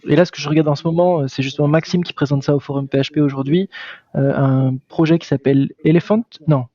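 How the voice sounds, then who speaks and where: A man's voice: fairly high pitch, steady tone, quick pace, warm tone, dry recording. A man explaining his work in a casual tech discussion, thoughtful with frequent fillers. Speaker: guest developer. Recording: dry, dull lo-fi sound.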